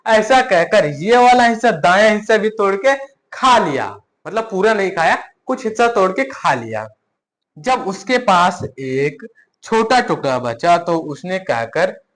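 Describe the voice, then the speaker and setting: A male teacher with a high-sitting voice tells a fable during a children's math lesson, delivering it with animation and frequently putting questions to his listeners.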